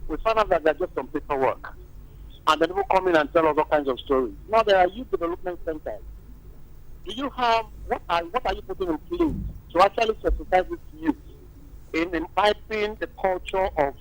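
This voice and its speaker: A man calling in to a talk show by phone, halting and repeating his words. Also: high-pitched, vocal fry, rough recording. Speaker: caller. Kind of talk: phone-in question. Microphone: telephone line.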